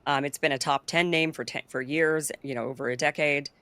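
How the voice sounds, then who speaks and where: In a brisk, low voice with fairly even intonation and a fairly bright tone, a woman hosting a political talk show chats in a loose, opinionated way and laughs easily. The sound is dry, with no echo.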